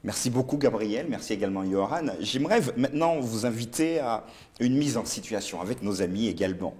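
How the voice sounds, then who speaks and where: A man's voice: medium pitch, brisk. A man moderating a Bible study discussion, responding with affirming interjections and leading the panel along. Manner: affirming backchannels, lively intonation.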